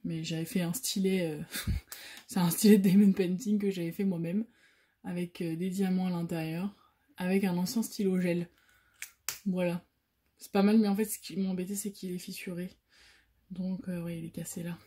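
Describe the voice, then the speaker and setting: A woman hosting a casual coloring vlog, talking quietly and at times in a whisper so her sleeping baby is not woken, with many hesitant fillers and restarts. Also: fairly low pitch, steady tone, normal speed, pauses often, breathy edge. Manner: speaks softly, sometimes whispering, so her baby keeps sleeping. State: out of breath. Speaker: coloring channel host. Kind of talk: casual show-and-tell vlog.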